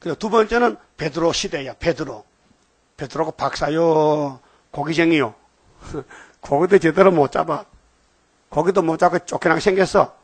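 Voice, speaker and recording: A man preaching a sermon, telling stories in an animated way and calling out to his listeners for replies. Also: a little high, normal speed, husky, no echo. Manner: animated storytelling, calls out for replies.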